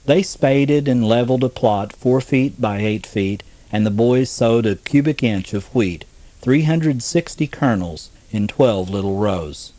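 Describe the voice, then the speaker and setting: A man introducing and reading a true story aloud, narrating with an expressive storytelling manner. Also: mid-range voice, a little slow. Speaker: narrator and editor.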